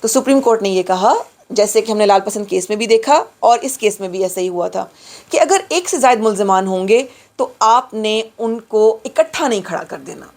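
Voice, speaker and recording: A middle-aged Pakistani woman, a lawyer, gives an explanatory law lecture in a medium-pitched, animated voice with a darkish tone at normal speed. She emphatically repeats and rephrases key points and mixes in English phrases.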